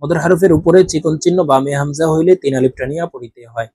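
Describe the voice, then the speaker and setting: A man teaching religious recitation, chanting phrases slowly and drawn out for viewers to repeat, then explaining quickly. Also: on the high side, a little mellow, husky, no echo. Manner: addresses viewers, asks them to repeat after him. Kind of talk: recitation lesson.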